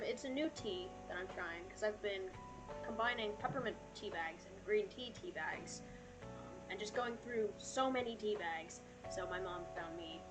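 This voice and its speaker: A woman's voice: medium pitch, rough recording. A woman chatting casually on a game stream in a chatty, apologetic, self-deprecating way. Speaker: streamer reading game dialogue aloud. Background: music playing.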